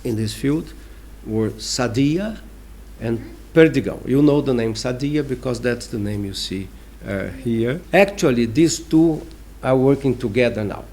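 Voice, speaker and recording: A man with a Brazilian accent answering interview questions as a diplomat, explaining deliberately and emphatically with pauses. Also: mid-range voice, dark tone, a little hiss or hum. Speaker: ambassador giving an interview.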